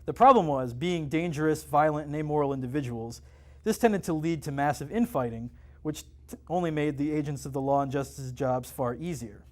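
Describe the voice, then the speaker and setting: A man, the author, reading his own novel aloud at a live event in a comic and game shop, narrating with lively drama. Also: on the high side, a little fast.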